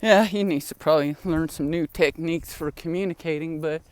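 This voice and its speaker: Walking home in the wind with her groceries, an older woman vlogs chatty, rambling stories about her family and pets, laughing and sighing along the way. Her voice sits low, a little mellow, and moves a little fast.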